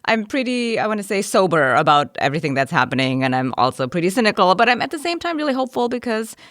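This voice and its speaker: A woman from Indonesia hosting a podcast, asking thoughtful, measured questions. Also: mid-range voice, very animated, fairly bright tone, dry recording, clean studio sound. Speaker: podcast host. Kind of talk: podcast interview.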